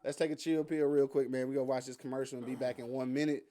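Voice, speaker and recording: A man's voice: medium pitch, level tone, fast talker, warm tone. A man hosting a live radio podcast, laid-back and joking with his co-hosts. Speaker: podcast host. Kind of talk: casual live radio show chat. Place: studio.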